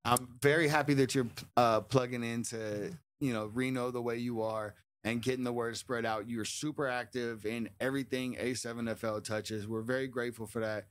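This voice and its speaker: A man's voice: mid-range voice, fairly even intonation, normal speed, few pauses, clean tone. A man co-hosting a sports podcast, talking through the game in a thoughtful, analytical way. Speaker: podcast co-host. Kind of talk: casual podcast talk.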